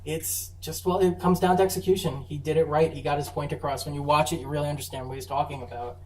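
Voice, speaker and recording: A convention panel presenter giving a casual, chatty talk on film, full of fillers and quick laughs. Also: medium pitch, fairly even intonation. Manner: enthusiastic, chatty, laughs often, many fillers. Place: university convention room. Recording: echoey room, far mic, faint hum.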